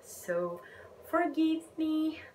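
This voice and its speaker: In a casual book vlog recorded in an echoey room with faint ambient sound, an Italian-accented young woman from Italy gives shy, hesitant reviews. Her voice is high-pitched and expressive with a darkish tone, and her slow delivery sometimes fades into a whisper.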